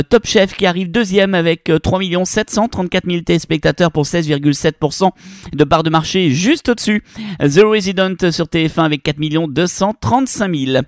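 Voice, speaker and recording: A male TV host briskly reading a rundown of figures with frequent filler sounds, then leading a studio interview. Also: on the high side, dry recording. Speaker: TV show host.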